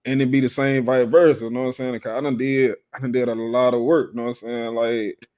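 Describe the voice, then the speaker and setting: A man's voice: mid-range voice, level tone, fairly quick, darkish tone. A man hosting a casual livestream chat, laid-back and laughing often, greeting viewers from the comments. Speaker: livestream host.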